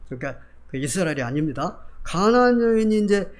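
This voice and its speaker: Man, pastor, sermon, high-pitched, very animated delivery, rhetorical questions. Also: fairly quick. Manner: acts out Bible figures in quoted voices.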